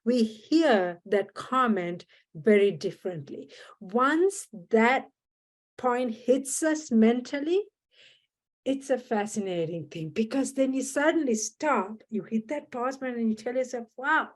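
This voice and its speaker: A woman from Sri Lanka, talking in an earnest, measured way as a guest in a reflective podcast conversation, often restarting her sentences. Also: fairly high pitch, animated.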